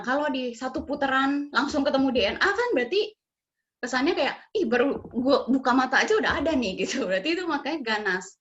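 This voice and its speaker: A woman's voice: on the high side, a bit bright. A middle-aged woman tells a family story in a chatty way, acting out quoted dialogue and laughing often. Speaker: guest sharing family experience. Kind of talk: casual storytelling. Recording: dull lo-fi sound.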